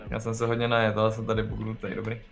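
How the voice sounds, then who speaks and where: Young male gamer, casual banter, loud excited outbursts, game music clearly behind. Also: fairly low pitch. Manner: excitable, yells and laughs at game mobs. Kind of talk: casual gaming chat.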